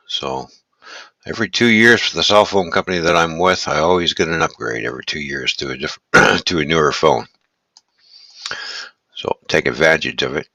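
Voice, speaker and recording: A man hosting a casual live stream, chatting in a relaxed, rambling way and greeting viewers while he eats. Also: rumbling low, no room sound. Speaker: livestream host.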